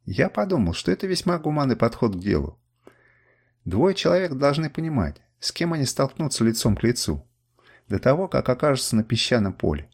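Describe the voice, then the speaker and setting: A male audiobook reader tells a first-person story with a husky voice. His pitch rises and falls expressively through the narration. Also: very animated, fairly quick.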